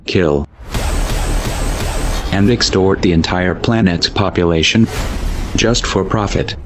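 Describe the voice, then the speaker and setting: A man narrating a scripted manifesto through a disguised, pitch-lowered voice, grave and measured. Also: noisy background. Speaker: anonymous narrator. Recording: dull lo-fi voice over loud music.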